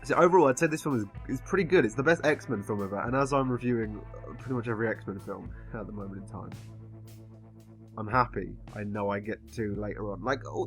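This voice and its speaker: An Englishman with a mid-range voice delivers a casual film review, rambling and halting as though he's had a few drinks.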